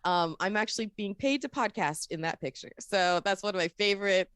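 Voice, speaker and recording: A woman's voice: medium pitch, fairly quick, fairly bright tone, clean tone, dry recording, clean studio sound. A woman from Florida, an upbeat and chatty podcast producer who tells stories and laughs often as an interview guest. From Florida, USA. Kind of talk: casual interview chat.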